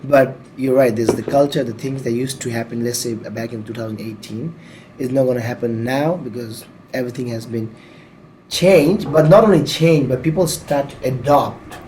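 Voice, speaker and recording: Man, podcast host, casual chat, repeats himself, middle pitch, faint background hiss. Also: normal speed, darkish tone. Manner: chatty, repeats words, nonnative phrasing.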